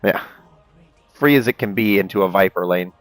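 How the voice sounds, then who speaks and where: A man doing live play-by-play esports commentary, excitable, with his voice climbing as the action builds. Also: sits low, normal speed, no room sound.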